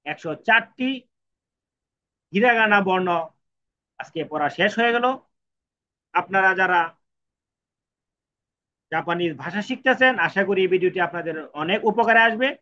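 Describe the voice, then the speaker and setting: A man's voice: high-pitched, normal speed, long pauses, pushed and bright. Patient man drilling syllables, lo-fi. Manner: patient, drills each sound three times, asks and answers own questions. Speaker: Japanese language teacher. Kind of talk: teaching lesson, repeating drills. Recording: dull lo-fi sound.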